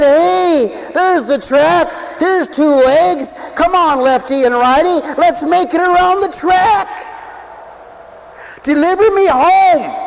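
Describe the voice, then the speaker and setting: High-voiced man preaching a sermon. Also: gravelly, highs cut off, a little hiss or hum. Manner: swings between loud preaching and low asides, asks the crowd questions.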